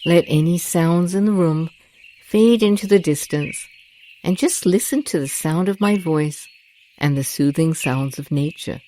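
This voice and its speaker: Rainforest birdsong and crickets fill the background as a woman with a low-sitting voice narrates a soothing guided meditation, with slight extra noise in the recording. She takes her time, speaking gently and deliberately with long pauses to calm the listener.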